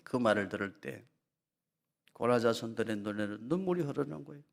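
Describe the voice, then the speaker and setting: Korean pastor preaching a dramatic sermon. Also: male voice, expressive, brisk, gravelly. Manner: dramatic, shifts into loud high-pitched mocking voices for quoted taunts.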